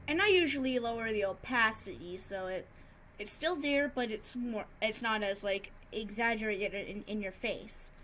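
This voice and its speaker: Higher-voiced woman giving a casual tutorial. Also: moderate pace, a little hiss or hum, low-quality recording. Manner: subdued, somewhat monotone. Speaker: tutorial host, digital artist. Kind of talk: casual improvised tutorial narration.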